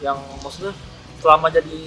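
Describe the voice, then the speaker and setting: A woman's voice: low-pitched, steady tone, fairly quick, sharp tone, soft background music, low-quality recording. A woman co-hosting a casual interview who asks curious questions and chimes in with short replies. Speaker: co-host.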